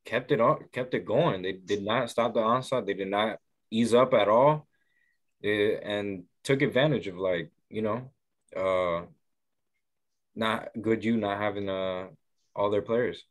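A young man giving a halting sports breakdown as a guest on a video call, full of fillers and restarts. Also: on the low side. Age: young adult. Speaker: guest analyst. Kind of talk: sports recap chat.

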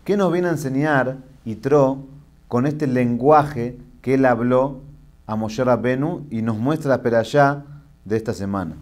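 Rabbi telling jokes in a sermon. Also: male voice, mid-range voice. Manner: lively storyteller, mixing teaching with jokes.

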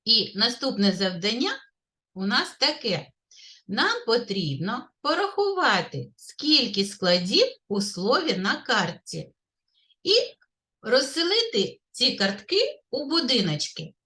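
A woman kindergarten teacher with a Ukrainian accent, leading a literacy lesson for young children in a classroom, speaking clearly and praising the children often. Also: fairly high pitch, bright, forceful tone. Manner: slow, clear, sing-song teacher talk, praising often.

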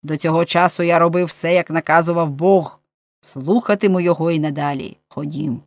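A woman's voice: sits low, steady tone, fairly quick, no room sound, studio quality. A woman reading an audiobook, voicing a devout old man who speaks solemnly and measuredly.

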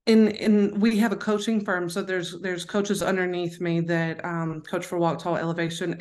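A woman with a Southern accent, a life coach talking frankly and upbeat in a casual interview, often restarting and asking "right?". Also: fairly low pitch.

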